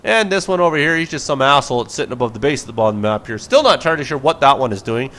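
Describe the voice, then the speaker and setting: Fast-talking casual male game caster. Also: mid-range voice, lively intonation, a bit bright. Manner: casual, joking asides. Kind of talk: play-by-play commentary of a video game replay.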